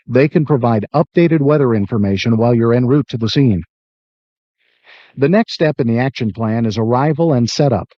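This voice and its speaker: Mellow man narrating, dull tape sound. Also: mid-range voice, no echo. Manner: measured, instructional. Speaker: training video narrator. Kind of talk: scripted instructional narration. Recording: dull lo-fi worn videotape sound.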